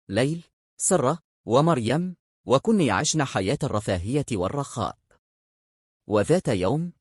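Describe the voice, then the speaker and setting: Husky man telling a fairy tale. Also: mid-range voice, dry recording, studio quality. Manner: expressive, measured storytelling. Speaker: storyteller. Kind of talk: scripted storybook narration.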